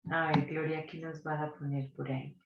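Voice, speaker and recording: A woman's voice: sits low, flat delivery, normal speed. A woman, a psychologist and doula, leading a live online workshop and asking the audience reflective questions. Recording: distant, dull, roomy recording.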